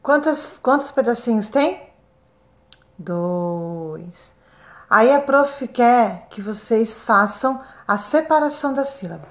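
A Brazilian woman with a slightly high voice records a lesson for first-grade pupils. She talks slowly and kindly, stretching syllables out and checking in with the children often. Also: expressive. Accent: Brazilian Portuguese. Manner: slow, sing-song, stretches syllables for children.

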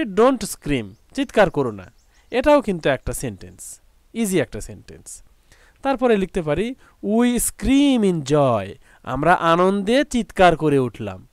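A man with a Bangladeshi accent teaching an English lesson, patiently repeating each word several ways and slowly reading out example sentences. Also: on the high side, no echo. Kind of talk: classroom lesson explaining vocabulary.

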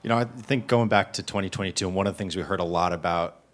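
A man working as a reporter, asking long, halting questions with restarts at a press conference. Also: deep voice, fairly bright tone.

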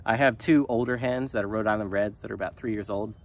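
A man in his thirties talking casually to a handheld phone outdoors in his chicken run, relaxed and rambling with many ums. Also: on the low side, fast talker. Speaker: small farm vlogger. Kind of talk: casual vlog talk to camera. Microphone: phone at arm's length.

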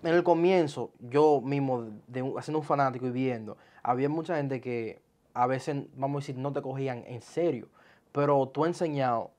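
A young man, hosting a casual interview in a small studio, friendly and animated when he makes a point. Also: medium pitch, moderate pace. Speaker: podcast host. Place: small indoor studio with sofa chairs.

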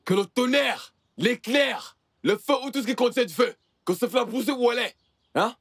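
An actor dubbing a hot-headed young gangster son in a film, pleading and vehement. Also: male voice, extremely high pitch, normal speed, fairly bright tone, breathy edge, no echo, exaggerated voice. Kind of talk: dubbed film dialogue.

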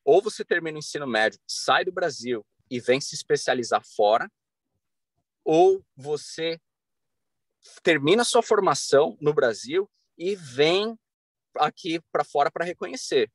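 A man in his thirties from Brazil, a podcast guest talking earnestly over a video call from a bright room at home, with many restarts and fillers. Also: on the high side, lively intonation, measured pace, no echo. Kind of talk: casual interview talk. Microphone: video call webcam.

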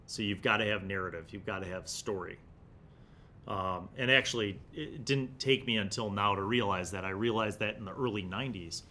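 Reading gaming articles aloud at a desktop microphone in an indoor studio, this forties-aged host of a review series adds emphatic, conversational remarks. He speaks fairly low at a moderate pace, with a bright, forceful tone, over a little hiss or hum.

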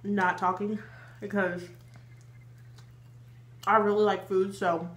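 A woman's voice: medium pitch, little pitch movement, slow, roomy sound. Chatty young woman eating on camera. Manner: chatty, filler-heavy, talks while eating. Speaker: mukbang vlogger. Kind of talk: casual eating vlog chat.

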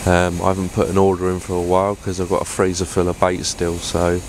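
A man's voice: low-pitched, completely flat delivery, brisk, background noise. A man, chatting casually to camera in a fishing vlog, rambling with fillers and restarts, recorded on a lapel mic inside a tent. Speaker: fishing vlogger. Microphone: clip-on lapel mic.

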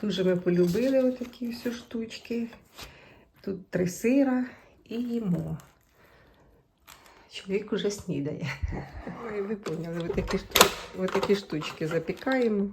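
A woman's voice: medium pitch, moderate pace, pauses often. A woman from Ukraine vlogging in a chatty, homely way, talking straight to her viewers about groceries and meals, partly from a moving car. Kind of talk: casual chat showing groceries and meals. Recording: loud background noise with car sounds.

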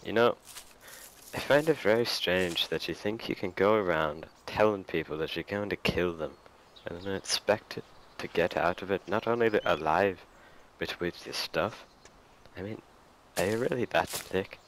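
Very deep-voiced taunting man, noisy mic. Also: normal speed, fairly bright tone. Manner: taunting, menacing. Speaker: player in an online role-play game. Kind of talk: in-character gaming voice chat. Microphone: gaming voice chat microphone. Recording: clearly noisy game voice chat.

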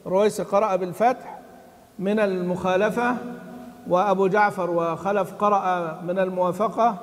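A man teaching Quran recitation in a lesson. He quizzes his students and then answers himself, and he chants the quoted verses slowly. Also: sits high, fairly even intonation. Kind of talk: classroom lesson. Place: study hall of a mosque. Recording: long hall reverb.

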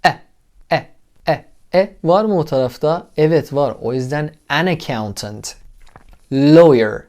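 A man's voice: a little high, animated, moderate pace, a little mellow. A man teaching an English lesson in a casual, explanatory way, repeating sounds aloud for drill and asking viewers questions before praising them.

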